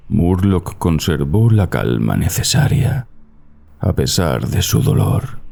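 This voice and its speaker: A man reading a classic horror story as narrator, in a measured, solemn literary manner. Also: deep voice, gravelly, mellow. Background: background music.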